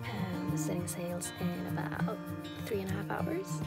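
A young woman with a lowish, unhurried voice chats casually and upbeat into her phone, held at arm's length, aboard a sailing boat, using frequent fillers. This travel vlog moves between the cabin and the open deck, with music playing underneath.

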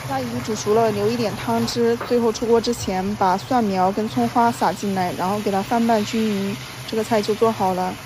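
A woman's voice: mid-range voice, fairly even intonation, fairly quick, few pauses. A woman in her thirties narrates cooking steps informally, like a home vlogger. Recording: faint background noise.

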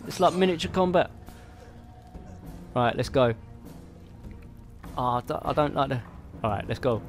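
A man giving casual, chatty commentary as he plays a game, laughing and muttering to himself. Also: fairly high pitch. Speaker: gamer playing solo. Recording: game music playing faintly behind. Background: faint game music.

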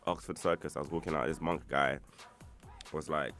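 A young man with an East London accent, chatting as a rapper guest, telling stories in relaxed slang. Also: a bass voice, normal speed, soft background music. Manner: laid-back storytelling with slang. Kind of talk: casual interview chat.

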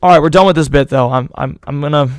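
A young male streamer with a somewhat high, smooth, clear voice that sounds a little worn out. He rambles loosely and slangily straight to his chat. The sound is close and dry, with no room around it. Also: fast talker, dry recording. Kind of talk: casual live-stream chat.

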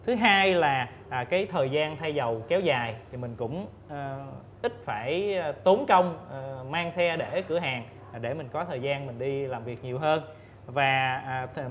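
A man's voice: on the high side, a little hiss or hum. Man explaining engine oil step by step. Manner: measured, explains step by step with many fillers. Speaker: lubricant expert guest. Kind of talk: explanatory panel talk. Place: indoor TV studio set. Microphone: lapel mic.

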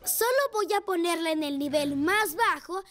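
For an animated children's show dub, a performer voices a brave little boy who is a rescue motorcycle. The very high-pitched voice moves at a moderate pace, eager and excited, full of enthusiastic exclamations, with music behind it.

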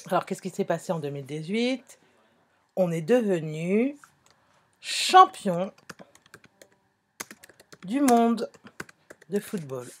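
A woman's voice: on the low side, lively intonation, normal speed, warm tone, slightly rough. A woman teaching a phonics lesson to young children, speaking patiently, repeating herself and correcting small slips.

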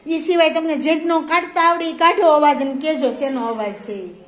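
Questioning her preschoolers and praising their replies, this teacher speaks fairly quickly in a high voice. There's a faint hum of background noise in the recording.

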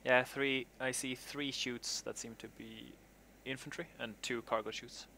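A man's voice: medium pitch, fairly even intonation, measured pace, creaky, pushed and bright, a little hiss or hum. A man talking as aircrew in a military game, mixing clipped radio procedure with casual chat. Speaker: military sim gunner on aircraft crew.

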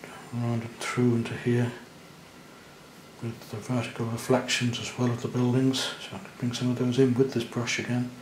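A man, gently talking through a watercolour demonstration as he paints, thinking aloud in a chatty way. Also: mid-range voice, completely flat delivery, moderate pace, reverberant, slight background noise. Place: indoor studio at the easel.

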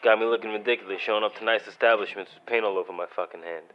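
A man in a short film, loudly mocking and scolding another. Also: lowish voice, takes it slowly, dull audio, slight background noise.

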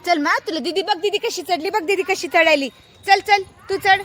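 A woman's voice: very high voice, moderate pace. A young woman, a mother filming her small children, coaxing them with playful, repeated questions in a casual family vlog.

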